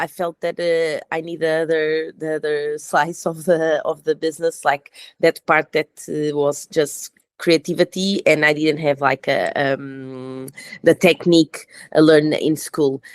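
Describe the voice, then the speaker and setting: Low-voiced woman with Portuguese accent. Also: no echo. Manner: hesitant, many fillers and restarts. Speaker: guest, fashion entrepreneur. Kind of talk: podcast interview.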